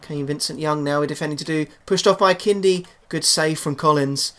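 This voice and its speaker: Excitable man commentating a football game. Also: fairly quick. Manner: excitable, shouts goals then drops to a low murmur. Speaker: gaming YouTuber. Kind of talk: live commentary over a football video game.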